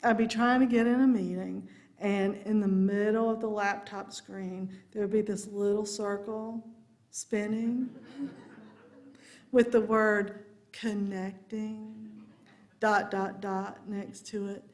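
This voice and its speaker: A woman preaches a sermon in a folksy, good-humored way. Her voice has a gravelly, creaky edge. She takes her time and lets each phrase settle. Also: medium pitch, flat delivery, takes it slowly, a little mellow. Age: 50s. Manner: folksy and humorous, laughing along with the congregation. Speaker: religious education director giving a sermon.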